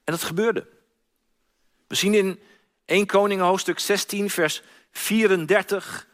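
A man's voice: sits high, steady tone, unhurried, a bit bright. A man preaching a sermon, retelling a story and acting out its cries, often repeating words as he goes. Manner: storytelling, acts out quoted cries, frequent repeats. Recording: long hall reverb.

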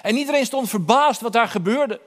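High-voiced preacher in an echoing hall. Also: male voice, fairly quick. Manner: storytelling, urgent invitations, repeats words. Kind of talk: sermon. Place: church hall. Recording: long reverb in a hall.

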